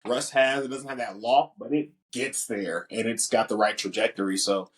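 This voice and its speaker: A man's voice: fairly low pitch, steady tone, normal speed. A young man co-hosting a casual sports podcast, talking in loose, slangy bursts full of fillers. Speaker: podcast co-host.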